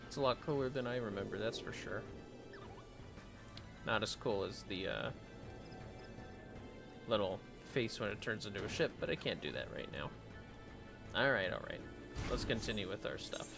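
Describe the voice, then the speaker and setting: A man's voice: fairly low pitch, lively intonation, moderate pace, vocal fry, long pauses. A man giving casual, offhand live commentary as he plays a video game, with asides muttered to himself. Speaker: livestream host playing a video game. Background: game music.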